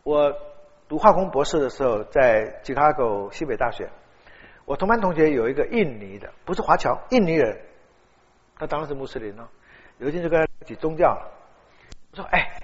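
A man's voice: on the high side, fairly quick, pauses often. A middle-aged man preaching a sermon, telling stories animatedly and acting out dialogue. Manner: animated storytelling, acts out dialogue. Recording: dull, long-reverb hall.

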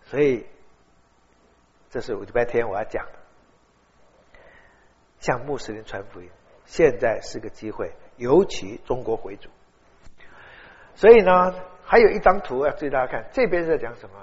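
A man's voice: medium pitch, normal speed, pauses often. A middle-aged man preaching a sermon, telling stories animatedly and acting out dialogue. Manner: animated storytelling, acts out dialogue. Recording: dull, long-reverb hall.

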